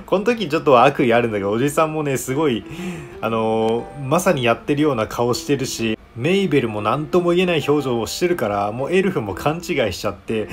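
A man giving a casual, chatty review of an anime episode, laughing often between his remarks. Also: mid-range voice.

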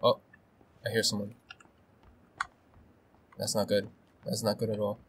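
A young man commentating his own game as he plays, excitable and swearing, swinging between nervous muttering and loud outbursts. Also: fairly low pitch, unhurried, slight background noise. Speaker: gaming video host. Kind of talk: casual gameplay commentary.

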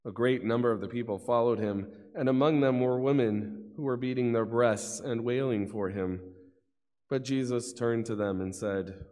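This middle-aged man has a mid-range, darkish voice as he narrates scripture at a church lectern, formal and solemn throughout. Each phrase is measured and deliberate. A long church reverb trails the audio, which is picked up by a gooseneck lectern microphone.

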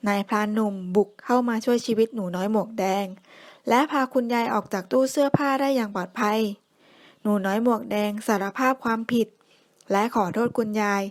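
A woman narrates a children's bedtime story in a clear, expressive read-aloud style. Her voice sits somewhat high for a woman. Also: dry recording, clean studio sound.

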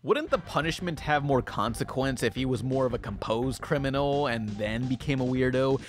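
A man's voice: mid-range voice, normal speed. A man giving scripted, opinionated, informal review commentary on cartoons. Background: music.

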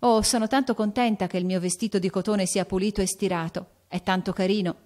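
A woman's voice: medium pitch, steady tone, fast, a little mellow, close to an everyday voice. A woman voicing a prim, slightly vain older teenage sister in an audiobook, fussy in manner. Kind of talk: audiobook character voice.

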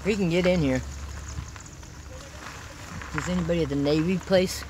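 A woman, chatting excitedly and swearing while filming an abandoned site on her phone. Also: lowish voice, moderate pace. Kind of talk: casual chat while exploring. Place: outdoors by abandoned buildings and in a car. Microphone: handheld phone. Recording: noisy outdoor phone recording.

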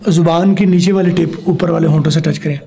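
A man teaching a spoken language lesson, slowly modeling words and having a pupil repeat them back after him. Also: fairly high pitch, steady tone, vocal fry, mellow. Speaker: English teacher.

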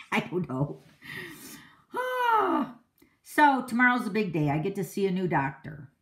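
A woman's voice: medium pitch, very animated, takes it slowly, a bit bright. A middle-aged woman hosting a card-making livestream, chatting casually with viewers in a boisterous, outspoken way and laughing often. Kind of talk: casual live-stream chat.

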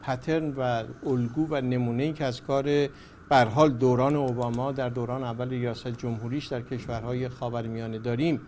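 A man's voice: mid-range voice, fairly even intonation, a little mellow, slight background noise. A man hosting a political talk show, poised as a moderator, his voice lifting when he presses a point. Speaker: host.

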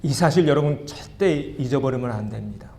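In a church sanctuary, a pastor delivers a sermon, putting questions to the congregation and leading them in reading aloud together. His mid-range voice is animated and brisk, with vocal fry and a darkish tone.

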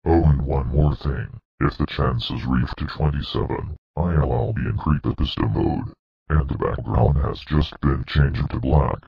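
A demonic evil purple dinosaur, gloating and threatening at a slow, deliberate pace. The voice sits extremely low with a gravelly, husky edge. It comes through dull and muffled, like a lo-fi cartoon track. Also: male voice, steady tone, exaggerated voice. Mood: menacing.

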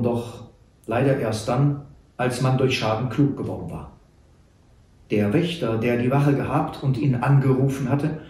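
A man reading an adventure novel aloud in a measured storytelling way. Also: mid-range voice, a little mellow. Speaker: reader. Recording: echoey room.

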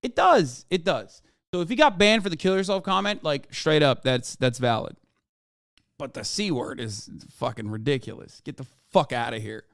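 A blunt, swearing male streamer talks through his opinions in a smooth, resonant voice. The sound is dry and close, with almost no room around it. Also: a little high, lively intonation, moderate pace, fairly bright tone, no echo. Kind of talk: casual reaction commentary.

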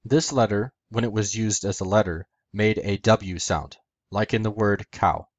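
A man's voice: lowish voice, steady tone, normal speed, dry recording. A man hosting an educational video, narrating a methodical scripted explanation step by step.

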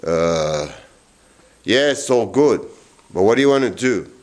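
A man's voice: fairly low pitch, measured pace. A man in his forties giving a rambling, blunt workshop tour in a large wooden boat shed, filming himself with a handheld camera. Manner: rambling, blunt and animated, with many restarts. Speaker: boatbuilder vlogger. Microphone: handheld camera at arm's length.

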